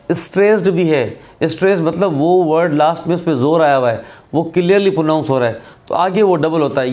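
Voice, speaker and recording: A man's voice: fairly high pitch, a little mellow. A man teaching English spelling rules in a recorded lesson, patient and repetitive, often checking in with his viewers. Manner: patient, repeats points, checks in with "theek hai".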